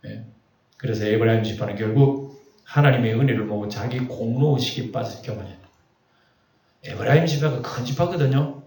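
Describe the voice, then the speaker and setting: A man preaching a sermon as a pastor, lively and colloquial, with rhetorical questions. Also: mid-range voice, normal speed, pauses often, echoey room, far from the mic. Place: church sanctuary.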